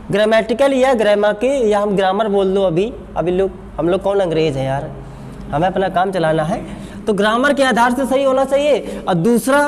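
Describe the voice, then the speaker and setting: A man's voice: high voice, a little mellow. A male English teacher, lecturing a class and asking questions that he answers himself. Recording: echoey classroom with faint background noise.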